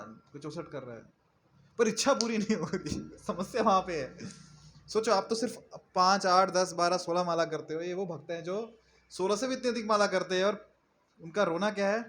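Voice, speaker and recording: Male preacher, higher voice, conversational sermon, asks listeners questions, faint room ambience. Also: fairly quick, a bit bright, slight background noise.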